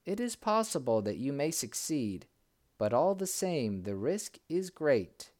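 A man's voice: mid-range voice, sing-song, measured pace, darkish tone, voice pushed up. A man voicing a wise old male dervish who gives grave warnings.

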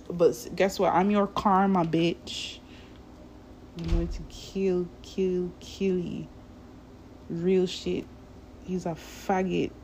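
Slow, gravelly-voiced woman ranting. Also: on the low side, dark tone, slight background noise. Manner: profane, rambling, drawn-out delivery. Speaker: vlogger. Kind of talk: casual ranting monologue.

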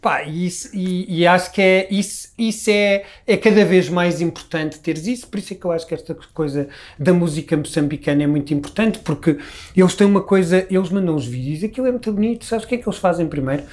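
Here a middle-aged man from Lisbon speaks quickly in a high, slightly mellow voice with a Lisbon Portuguese accent. Appearing as a guest in an easygoing, reflective talk, he rambles and repeatedly begins his thoughts again.

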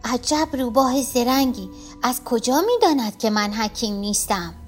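A flustered little rabbit pretends to be a healer in a children's tale, voiced by a woman, pleading in a high voice that leaps up and down. Faint music plays underneath. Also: very animated, fairly bright tone. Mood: fretting. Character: timid rabbit posing as a wise healer. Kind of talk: storybook character voice.

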